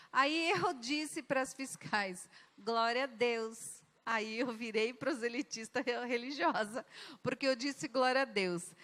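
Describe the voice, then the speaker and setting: A woman's voice: sits high, fairly bright tone. A woman speaking as a guest at a church service, telling a personal testimony in an emphatic, dramatic way with sudden shifts of pace. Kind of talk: testimony told from the pulpit. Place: large church hall. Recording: long church-hall reverb.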